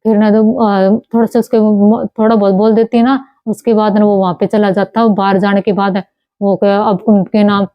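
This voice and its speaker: A young woman from Haryana speaks, recounting her own experience haltingly, with many false starts. Her voice sits at a middle pitch. It was recorded close and dry, and the sound is a little dull. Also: level tone, dry recording. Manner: halting, with many restarts and cut-off words. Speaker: interviewee telling her story. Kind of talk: personal testimony.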